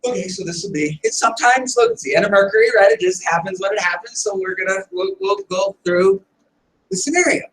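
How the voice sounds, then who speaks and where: A man giving a motivational sales training talk, telling stories with lots of energy and often shouting. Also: high-pitched, very animated, a little fast, slight background noise. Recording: echoey room, voice from far off.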